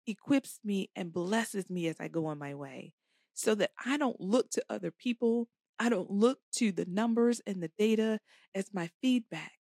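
A woman who works as a life coach appears as a podcast guest, earnestly sharing a personal faith story in an interview and acting out her inner conversations. Her voice is mid-range and darkish, recorded in clean studio sound with no room noise.

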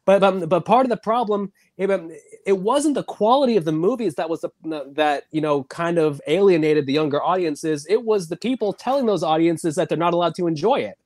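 Higher-voiced hesitant man, dry close recording, casual podcast talk. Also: fairly quick, darkish tone, no room sound. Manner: hesitant, repeats words before getting going. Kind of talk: casual chat.

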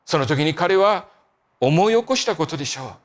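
A male pastor delivering a sermon in a high, bright-toned voice. His pitch leaps and swoops as he tells the story, rising on key moments, then dropping to near-whispered endings. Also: normal speed. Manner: storytelling, shifting between lively emphasis and quiet soft endings.

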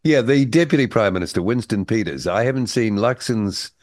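A mature man with a New Zealand accent and a fairly low voice hosts a radio chat. He is informal and opinionated, talking casually. The sound is dry, with no room around it. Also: lively intonation, a little fast, a little mellow, no room sound. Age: middle-aged or older. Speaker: breakfast radio host.

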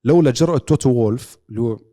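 A man's voice: mid-range voice, rapid-fire, warm tone. A man with a Levantine Arabic accent, co-hosting a podcast with a casual sports recap, told like a story with rhetorical questions. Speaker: podcast co-host.

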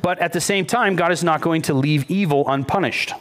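A man preaching a sermon as pastor, retelling a scripture story with lively, mocking quoted voices. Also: a little fast. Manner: storytelling, rises in pitch when quoting mockery.

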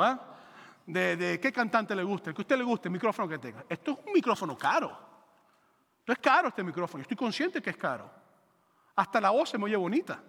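Lively joking pastor in a reverberant hall. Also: male voice, sits high. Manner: animated, joking, acts out biblical dialogue in voices. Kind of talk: sermon.

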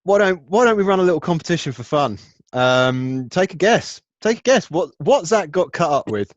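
Lively higher-voiced man in dull audio. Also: normal speed, no echo. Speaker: podcast co-host. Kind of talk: casual banter.

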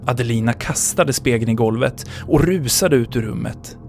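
Give me a man narrating a dark folk tale with a gravelly, creaky voice. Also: mid-range voice, faint music behind. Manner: measured dramatic storytelling. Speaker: podcast host and storyteller. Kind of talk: scripted story narration.

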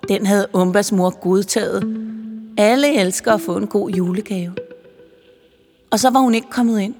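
A woman narrating a children's Christmas story with lively, playful storytelling. Her voice sits in an ordinary mid range. The reading rings with a long reverb over soft background music. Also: mid-range voice.

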